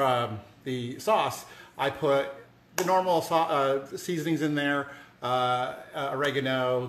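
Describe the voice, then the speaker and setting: In a home kitchen, a male cooking-show host talks to the camera in a loose, rambling way, constantly restarting and using fillers. His voice sits in the mid range with a slightly bright tone, and the room sounds echoey.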